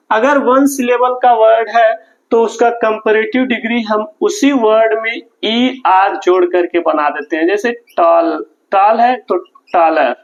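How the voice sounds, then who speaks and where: A man's voice: high-pitched, poor audio. Patient man teaching grammar. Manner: patient, repetitive explaining, often says "friend". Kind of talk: online classroom lesson.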